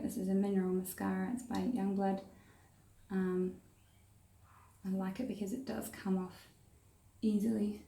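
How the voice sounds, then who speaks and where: A woman's voice: mid-range voice, creaky, far from the mic. Chatty New Zealand woman in echoey room. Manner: chatty, relaxed, talks while working. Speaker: makeup tutorial host. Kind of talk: casual step-by-step tutorial narration. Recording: roomy echo, voice off-mic.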